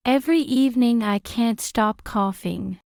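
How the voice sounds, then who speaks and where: A woman with a slightly gravelly voice reads simple example sentences slowly and plainly. The sound is close and dry. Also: fairly high pitch, a little mellow, dry recording. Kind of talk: slow read-aloud example sentences.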